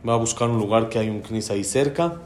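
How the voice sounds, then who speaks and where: A man's voice: on the low side, brisk, a little mellow, slight background noise. A man, a religious teacher telling a heartfelt, emphatic story in a sermon. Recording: roomy hall with faint background ambience.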